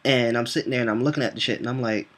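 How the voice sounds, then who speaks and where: A man's voice: mid-range voice, very fast. A young man telling a casual, profane story from his customer-service job and acting out both sides of the dialogue. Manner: animated, profane, acts out dialogue in voices. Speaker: vlogger telling a work story.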